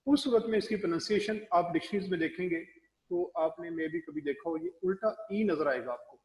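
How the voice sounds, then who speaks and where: A man teaching English pronunciation in a recorded classroom lecture, explaining slowly and spelling words out letter by letter. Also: high-pitched, animated, darkish tone, reverberant, big-room sound, low-quality recording.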